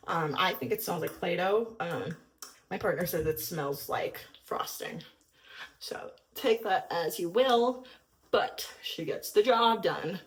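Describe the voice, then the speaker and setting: A young woman vlogger in a casual, upbeat chat to camera, a little out of breath and using lots of fillers. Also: on the low side. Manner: chatty, upbeat, filler-heavy. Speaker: lifestyle vlogger.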